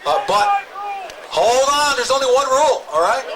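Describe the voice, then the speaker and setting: This very high-pitched, highly animated man is the fast-talking, joking host of an outdoor protest, bringing speakers to the stage in turn. The background is noisy.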